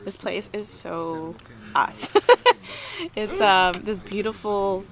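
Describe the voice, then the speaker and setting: A woman's voice: mid-range voice, steady tone, slow, a bit bright. A woman vlogging with casual, enthusiastic chat at an outdoor restaurant garden, recorded on a handheld camera. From Canada. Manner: chatty and enthusiastic, talks with mouth full. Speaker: travel vlogger.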